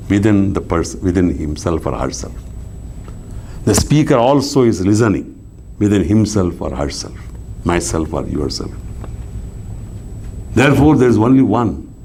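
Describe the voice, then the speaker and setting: A man lecturing on scripture as a philosophy teacher, who poses rhetorical questions and answers them himself, swinging between raised emphatic lines and low soft asides. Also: a little hiss or hum.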